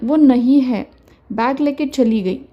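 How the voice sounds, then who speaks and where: A woman voicing an older mother-in-law who speaks gently and firmly, giving measured advice in an audio story. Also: high voice, highs cut off. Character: older mother-in-law, calm, wise, quietly firm.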